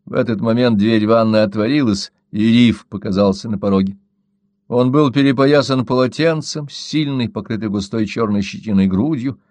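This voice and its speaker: A man's voice: on the low side, normal speed, a little mellow, no room sound. Man narrating a crime audiobook. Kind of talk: scripted narration.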